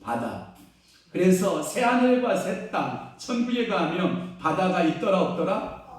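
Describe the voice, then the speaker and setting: A male pastor delivers a sermon in a somewhat high, very animated voice, pitching questions to the congregation and answering them himself. He drops to a hush, then rises to loud exclaiming. The sound is heavily echoey, picked up from a distance in a large church sanctuary. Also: unhurried. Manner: call-and-response questions to the congregation; swings between hushed and loud exclaiming.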